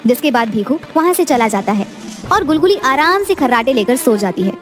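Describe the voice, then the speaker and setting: A woman narrating a cartoon storybook in a steady, plain storytelling manner. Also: fairly high pitch, fairly quick, faint music behind.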